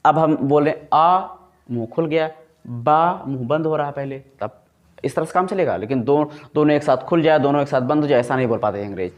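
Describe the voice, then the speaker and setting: A man teaching a grammar lesson, repeating sounds slowly to demonstrate pronunciation and asking questions he answers himself. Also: medium pitch, a little mellow, dull audio. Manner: asks the class questions and answers them himself.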